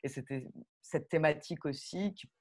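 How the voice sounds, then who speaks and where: As a guest director on a panel, a woman talks in a casual, improvised manner, animated and digressive. She has a low voice and a moderate pace.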